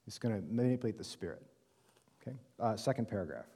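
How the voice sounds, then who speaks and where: Mellow-voiced man teaching in a reverberant hall. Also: on the low side, animated, quick pace. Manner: conversational, checks in with "right?" and "okay?"; frequent "um" fillers and self-corrections. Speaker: Bible study teacher. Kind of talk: classroom lecture. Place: reverberant room with a live group. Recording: long room reverb.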